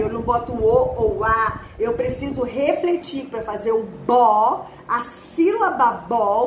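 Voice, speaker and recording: A woman's voice: sits high, reverberant, slight background noise, rough recording. A woman who trains literacy teachers, speaking earnestly in an online teaching video and stretching out syllables when she demonstrates them.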